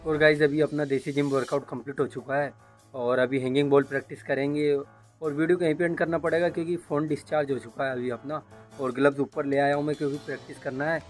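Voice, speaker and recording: A young man casually narrating his day into a phone held at arm's length, his voice sitting a little high for a man. Faint music plays under his talk. He is recording outdoors, among fields and streets. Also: level tone, quick pace. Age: young adult. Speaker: vlogger. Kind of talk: casual daily-life vlog narration.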